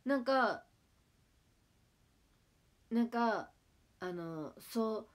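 This woman's voice is a little high, and she draws out her words. In her twenties and speaking Kagawa dialect, she hosts an idol livestream, casually reading comments and replying to viewers in a relaxed, talkative way.

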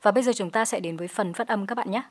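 Woman teaching English pronunciation. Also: mid-range voice. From Vietnam. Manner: explains in Vietnamese, models English phrases slowly and deliberately.

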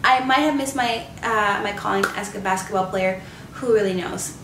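A woman in her twenties from Canada, chatting to camera as a beauty vlogger in an upbeat, quick way. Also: mid-range voice, background noise. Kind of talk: casual chat to camera. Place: living room or home office, indoors. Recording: roomy, slightly distant sound.

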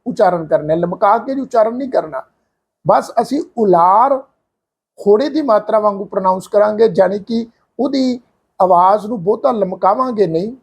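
A man with an earnest, explanatory manner, teaching the correct pronunciation of scripture and slowly chanting example lines. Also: sits high, darkish tone, breathy edge. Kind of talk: religious pronunciation lesson.

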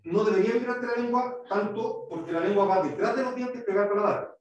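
A man's voice: sits high, fast talker, lo-fi sound. A male English teacher giving a classroom lesson, explaining step by step, quizzing students and demonstrating sounds. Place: school classroom. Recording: echoey classroom, mic far off.

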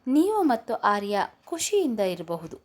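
A woman's voice: on the high side, big pitch swings, a little slow. A woman voicing a young man, a loyal and caring friend who talks earnestly in a storybook reading. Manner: earnest, pleading.

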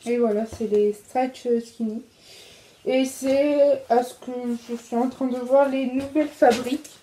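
A young woman with a French accent talks through her shopping haul in a loose, chatty way, stopping on fillers and correcting herself as she goes. Her voice sits high but has a soft, mellow tone. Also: steady tone, a little slow, a little hiss or hum. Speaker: fashion vlogger. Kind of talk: casual clothing haul.

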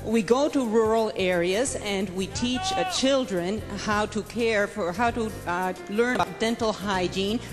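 A woman's voice: mid-range voice, measured pace, hardly any pauses. A woman working as a live interpreter, relaying answers phrase by phrase. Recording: long hall reverb, music behind.

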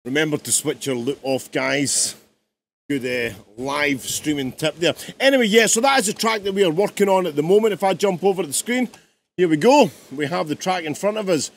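A man's voice: on the high side, fairly quick, a little hiss or hum. A man, a music producer, talks casually through his song in a live-streamed production tutorial, chatty and rambling.

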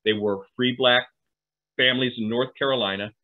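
A man's voice: medium pitch, fairly even intonation, moderate pace. A middle-aged man giving an online history lecture from home on a video call, talking conversationally with asides and tag questions. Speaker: historian presenting a talk. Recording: phone-like narrow audio.

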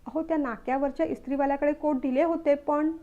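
A woman reading the part of a shy, timid young newlywed wife who speaks hesitantly and quietly. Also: high-pitched, fairly even intonation, fast, lo-fi sound, close to an everyday voice.

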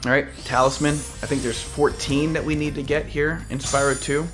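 A man's voice: a little high, flat delivery, moderate pace, fairly bright tone. A man in his thirties giving casual, slangy, rambling gameplay commentary as a streamer. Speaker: game streamer. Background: game music.

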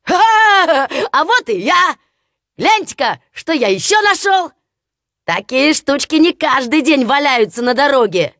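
Cheerful simpleton youth for an audiobook fairy tale, played by a woman; shouty and bouncy, dry close sound. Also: high voice, big pitch swings, slow, no room sound, pitched above the performer's own voice, exaggerated voice. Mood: gleeful. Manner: boastful, shouting, laughing. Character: silly cheerful young peasant lad.

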